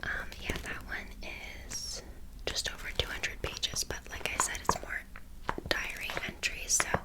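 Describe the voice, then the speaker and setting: A woman in a whispered role-play as a helpful librarian, softly presenting and reading about books in an unvoiced, gentle library whisper. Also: unhurried. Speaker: ASMR host playing a librarian presenting books.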